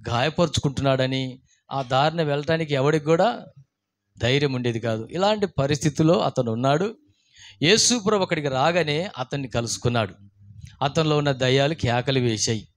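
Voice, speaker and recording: A man, a pastor preaching a sermon, telling stories and asking the congregation questions. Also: mid-range voice. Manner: asks the congregation questions, acts out scared voices in stories. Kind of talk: sermon with storytelling.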